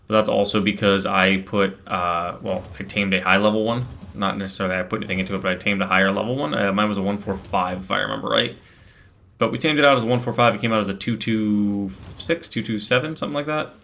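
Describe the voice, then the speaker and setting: Low-voiced man giving casual game commentary. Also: fast, vocal fry, bright, forceful tone. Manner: chatty, explains as he plays, frequent fillers and restarts. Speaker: gameplay video host.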